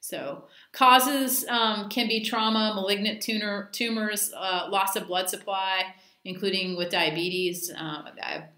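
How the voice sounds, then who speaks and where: A woman dive instructor talks through a training session in a chatty, anecdotal way, with plenty of ums and asides. Her voice is bright and forward. The room around her is echoey. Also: medium pitch, steady tone, a little slow. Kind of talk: casual training talk.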